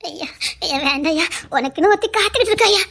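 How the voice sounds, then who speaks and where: Tearful TV-serial mother, crying and pleading, very high voice. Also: animated, fast talker, vocal fry, a bit bright, heavily acted. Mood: consoling. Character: grief-stricken mother pleading with her son. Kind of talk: TV serial acting.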